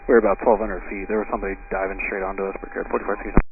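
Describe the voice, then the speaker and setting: Low-voiced guy, airline pilot on his cockpit headset radio, clipped rapid calls, tinny line, loud hiss. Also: little pitch movement. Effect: pilot cockpit headset radio transmission.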